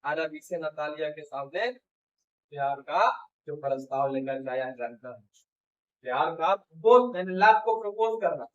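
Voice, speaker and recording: High-voiced man teaching English in Hindi. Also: recorded from a distance, dull audio. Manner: reads English lines slowly and loudly, then drops to low casual Hindi explanation. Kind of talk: Hindi-explained English lesson, reading lines slowly then translating.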